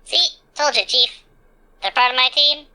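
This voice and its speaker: A woman's voice: sits high, smooth. Woman doing a brash bragging mercenary boss. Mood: boastful. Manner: bragging, rapid and excitable.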